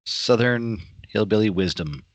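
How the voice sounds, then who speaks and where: Teasing man with a lively voice. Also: on the low side, a little slow, no room sound. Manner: teasing, laughs often, swears. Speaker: player. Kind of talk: casual banter at a tabletop game.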